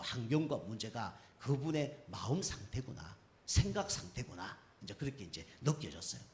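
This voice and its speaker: A man's voice: medium pitch, a little hiss or hum. A middle-aged man, a pastor, preaching a Sunday sermon with emphatic rises on key phrases and frequent tag questions to the congregation.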